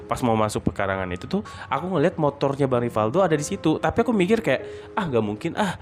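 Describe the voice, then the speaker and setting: A man casually telling a personal story in a chatty, dramatic, expressive way. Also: medium pitch, fast talker. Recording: guitar music under the voice.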